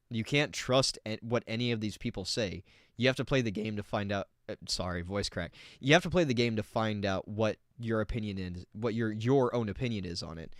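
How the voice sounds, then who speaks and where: A man's voice: medium pitch, dry recording, studio quality. A man hosting a casual reaction commentary, talking in a rambling, filler-heavy way and swearing bluntly. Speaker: reaction video host.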